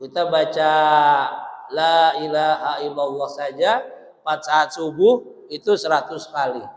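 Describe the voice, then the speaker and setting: A male preacher giving a dawn sermon in a mosque, telling stories in a lively way, acting out dialogue and often laughing. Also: a little high, measured pace. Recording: echoey hall reverb.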